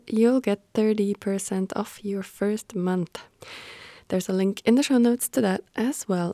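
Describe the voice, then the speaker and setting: A woman hosts a podcast and talks with her cello student. She has a measured, encouraging way of speaking at a middle pitch. Her voice sounds dry and close. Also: dark tone, no echo. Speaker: podcast host and cello teacher. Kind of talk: podcast hosting and conversation.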